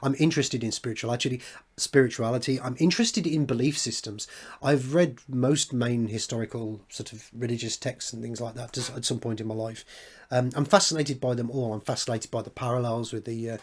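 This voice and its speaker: A man's voice: mid-range voice, steady tone, brisk, breathy edge. A middle-aged man hosting a video essay, thinking aloud in an unscripted monologue with frequent restarts and fillers.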